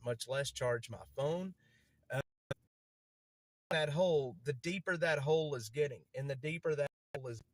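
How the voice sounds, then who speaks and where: A man who stutters chats casually on a livestream while moving along a city street, rambling and repeating himself. His voice is medium in pitch, and the recording has no room sound.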